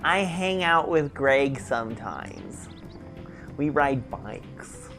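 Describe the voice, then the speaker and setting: A man voicing a nerdy, awkward young male townsperson in a slow, halting nerdy voice for a game playthrough. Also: medium pitch, animated, over music. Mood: deadpan.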